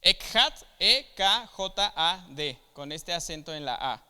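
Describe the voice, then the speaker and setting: A man with a slightly high, animated voice preaches a Bible lesson at a slow pace, his tone bright, forceful, clear and resonant. He explains things step by step, repeatedly checking that listeners are following. The church hall adds a long reverb.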